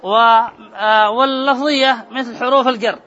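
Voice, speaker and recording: A man's voice: very high voice, steady tone, a little fast, pushed and bright. A man teaching a grammar class, repeating key terms and quizzing his students. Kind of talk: classroom lecture. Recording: muffled classroom recording with murmur.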